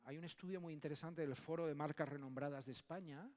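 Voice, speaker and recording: On a conversational conference panel, a Spanish writer from Spain talks fast in a slightly high, a little mellow male voice. He stresses his points hard, lists them off, and drops in plenty of tag questions, all carried by the long reverb of the hall.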